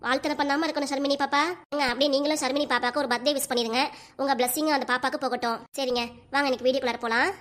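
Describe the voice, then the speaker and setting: Brief: woman channel host, Kanyakumari Tamil accent, very fast, formal greetings. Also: sits high, fairly even intonation. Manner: warm, blessing, formal greetings. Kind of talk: greetings before the video.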